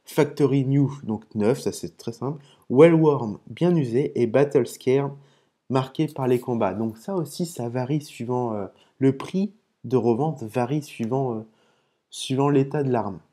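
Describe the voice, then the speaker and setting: A man hosting a casual gaming video, explaining terms patiently between hesitant pauses and muttered curses at his own mistakes. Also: mid-range voice, dark tone. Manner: hesitant, with frequent "euh" and restarts. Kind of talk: casual commentary while opening game cases.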